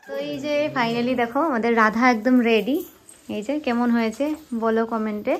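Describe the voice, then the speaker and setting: A woman's voice: steady tone, moderate pace, slight background noise. A young woman talking casually to her viewers in a home and festival vlog, chatty and direct. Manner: chatty, talks to viewers directly, lowers voice to near whisper while baby sleeps. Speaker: vlogger.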